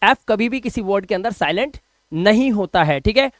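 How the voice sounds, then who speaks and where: A man's voice: high voice, lively intonation, normal speed, no room sound. A man giving an online video lesson on English pronunciation, explaining patiently in Hindi and dropping in English phrases. He keeps repeating each word and asking rhetorical questions to drill the point.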